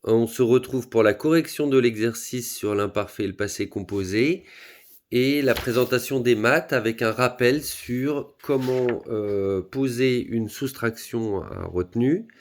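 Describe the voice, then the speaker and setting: A man teaching a recorded primary school lesson, patiently explaining step by step with a lively, rising and falling delivery. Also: fairly low pitch, a little hiss or hum.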